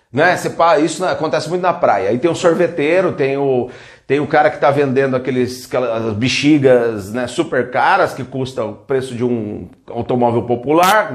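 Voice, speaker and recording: Animated high-voiced man. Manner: animated, restarts, acts out parent and child quotes. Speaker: host giving parenting advice. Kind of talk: casual advice talk.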